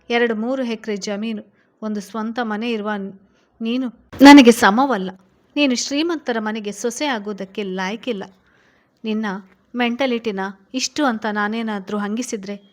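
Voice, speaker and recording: A stern young businessman husband, as a woman reads him aloud, scolds his wife harshly in a storybook reading. The voice runs a little louder than the narration. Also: on the high side, close to an everyday voice.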